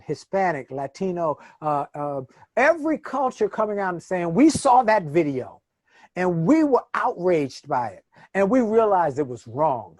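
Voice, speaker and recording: A middle-aged man tells stories in a rolling, preacher-like cadence, leaning hard on stressed words and repeating key phrases. His voice sits a little high for a man. The sound is close and dry. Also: a little mellow, no room sound. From Washington, D.C. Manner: emphatic, preacher-like cadence with dramatic stresses and repetition. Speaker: motivational speaker, interview guest. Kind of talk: conversational interview storytelling.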